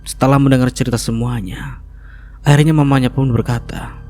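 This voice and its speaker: Mellow male horror storyteller. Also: medium pitch, brisk. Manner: steady storytelling. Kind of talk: scripted horror narration.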